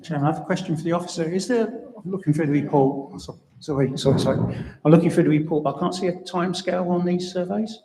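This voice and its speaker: Man, councillor, gravelly, slightly high, hesitant, echoey chamber. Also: fast talker, few pauses, noisy background. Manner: hesitant, apologetic restarts. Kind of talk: speaking at a council meeting.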